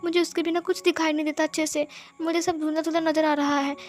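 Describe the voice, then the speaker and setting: A woman's voice: high-pitched, level tone, fast talker, soft background music, close to an everyday voice. A woman voicing a timid, bullied young man who stammers and pleads tearfully. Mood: pleading.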